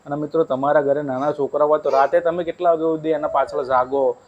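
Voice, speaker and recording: Young male family vlogger, casual chat at home, slightly high voice, dull lo-fi sound. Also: level tone, fast. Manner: chatty, coaxing a small child. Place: home at night. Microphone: handheld mic.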